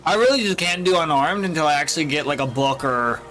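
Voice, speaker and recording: A man's voice: a little high, lively intonation, quick pace, bright, forceful tone, a little hiss or hum. A man streaming a game, commenting casually to himself, swearing and puzzled at what happens. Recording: faint game music behind.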